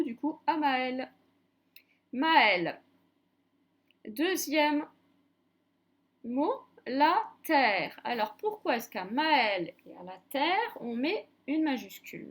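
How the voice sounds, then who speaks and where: A woman teacher giving a recorded reading lesson to young children, patiently spelling out letters one by one. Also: sits high. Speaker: primary school teacher.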